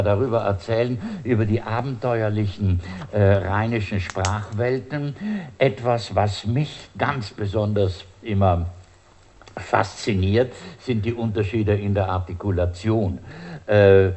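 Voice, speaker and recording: A man's voice: fairly low pitch, unhurried. Older man telling anecdotes. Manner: lively storyteller, chuckles often, many fillers. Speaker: musician guest.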